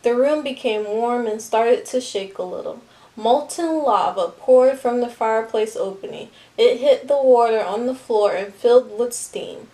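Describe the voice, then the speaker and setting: A woman reading a children's picture book aloud with lively, expressive narration. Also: on the high side, measured pace, rough recording. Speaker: storybook reader.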